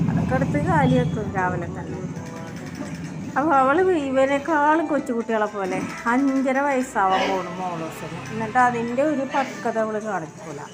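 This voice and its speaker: A woman, chatting tiredly and plaintively to her subscribers about running her shop with her kids. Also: medium pitch. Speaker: vlogger who runs a small tea shop. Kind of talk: casual vlog talk to subscribers. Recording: noisy background with traffic.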